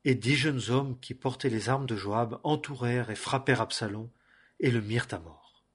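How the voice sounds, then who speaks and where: A man reading a Bible passage aloud in a measured, solemn way, phrase by phrase. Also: medium pitch, breathy edge. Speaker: scripture reader.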